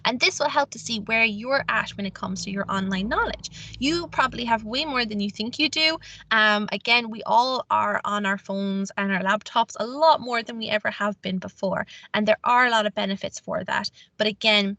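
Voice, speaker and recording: A woman's voice: medium pitch, normal speed, hardly any pauses, pushed and bright, no room sound. A woman from Ireland, giving an earnest webinar talk over a video call, with many fillers and restarts. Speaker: webinar presenter on online safety.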